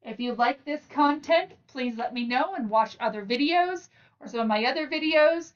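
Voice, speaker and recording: Speaking straight to her audience, this channel host and teacher takes learners through a lesson one step at a time, relaxed and supportive. Her voice is fairly high and expressive at a moderate pace, though the audio is a bit dull because she's far from the microphone.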